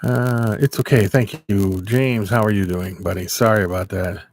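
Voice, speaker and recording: A man's voice: fairly low pitch, fairly even intonation, moderate pace, a little mellow. A man casually hosting a live stream, rambling and chatting with viewers by name.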